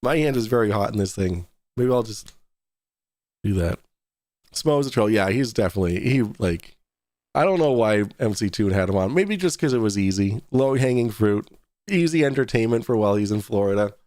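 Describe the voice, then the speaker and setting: A man's voice: fairly low pitch, expressive, normal speed, a little mellow, no echo, studio quality. A man with a Boston accent hosting a talk show, joking and laughing through casual live-stream commentary.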